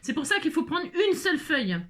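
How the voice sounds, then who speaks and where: Playful high-voiced woman crafting. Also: very animated, brisk. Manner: playful, teasing, chatty, talks straight to viewers. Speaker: papercraft vlogger. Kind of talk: casual crafting tutorial.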